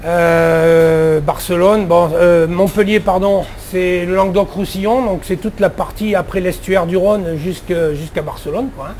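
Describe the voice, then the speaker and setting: High-voiced chatty French chef. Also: male voice, fairly even intonation, unhurried, few pauses, a little mellow, slight background noise. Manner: chatty, many fillers and restarts. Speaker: head chef. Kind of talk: casual interview answers.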